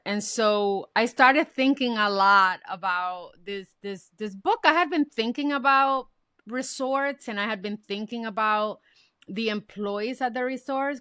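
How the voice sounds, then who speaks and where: A woman from the Dominican Republic speaks as a guest author with a bright, forceful tone. Her talk is earnest and reflective, and it gathers into passionate points. The sound is dry, with almost no room. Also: medium pitch, clear, resonant tone, dry recording. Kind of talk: podcast interview.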